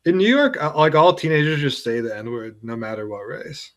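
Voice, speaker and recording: A man's voice: fairly high pitch, expressive, normal speed, fairly bright tone. A young man talking as a podcast guest, laid-back and full of fillers. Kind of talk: casual podcast chat.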